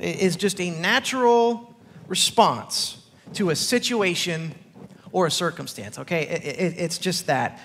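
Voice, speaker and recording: A man's voice: high-pitched, a bit bright. A man in his thirties, a pastor, preaching a casual sermon in a church and talking in a joking, conversational way with restarts and small laughs. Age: 30s. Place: church sanctuary. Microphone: clip-on microphone.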